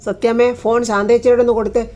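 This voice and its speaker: A woman's voice: a little high, flat delivery, very fast, mellow, muffled recording, soft background music, pitched above the performer's own voice, lightly acted. A woman voicing a composed, caring young woman who speaks politely under strain. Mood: tense.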